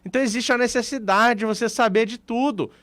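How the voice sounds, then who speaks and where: A man's voice: very high-pitched, fast talker, a bit bright, no echo. A man with a Brazilian Portuguese accent, co-hosting a radio talk show and explaining his points with everyday examples.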